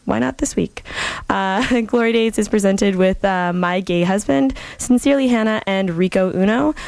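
A woman hosting a radio show casually, in an informal way with frequent hesitant pauses. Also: medium pitch, gravelly, darkish tone, a little hiss or hum. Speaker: radio host filling in on a music show. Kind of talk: casual radio show presenting and event listings.

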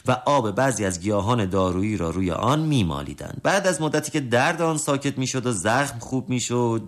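A male storyteller narrating a folk tale. His delivery is expressive, with lots of rise and fall in pitch. He sits at a mid pitch for a man. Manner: expressive, lively reading.

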